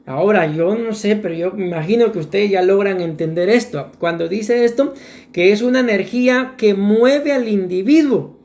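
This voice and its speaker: A woman's voice: mid-range voice, normal speed, a little mellow. A woman preaching a sermon in a church, earnest and repetitive, often turning to address her congregation directly. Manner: earnest, repetitive, often calls listeners "my beloved brethren".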